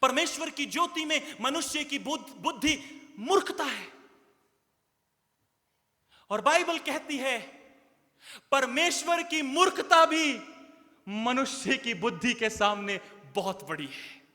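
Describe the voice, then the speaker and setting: A man's voice: very high voice, animated, slow, long pauses, bright, forceful tone. A man preaching a sermon, drawing the congregation into call and response. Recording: long reverb of a large hall.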